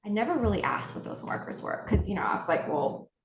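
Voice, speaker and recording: A woman from Hawaii, an integrative health practitioner, is a guest on a podcast, telling her story in a casual, chatty interview. She talks fast with a mid-range, very animated voice, acts out what others said to her, and keeps restarting sentences. The room adds echo and faint noise.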